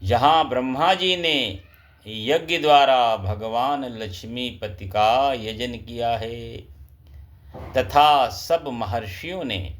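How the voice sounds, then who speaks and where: A man's voice: medium pitch, slow pace, fairly bright tone. A man giving a devotional scripture discourse as a pandit, speaking reverently and chanting Sanskrit verses.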